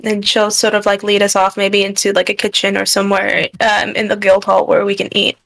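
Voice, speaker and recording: A woman playing a tabletop game, describing her character's actions with halting starts. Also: medium pitch, completely flat delivery, creaky, a bit bright. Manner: halting, filler-heavy describing. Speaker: player. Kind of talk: casual tabletop play.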